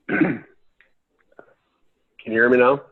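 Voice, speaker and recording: A man clearing his throat often while speaking in a casual committee meeting, his call audio choppy and breaking up. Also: mid-range voice, drawn-out words, no room sound. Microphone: remote call. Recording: tinny call line, cutting out.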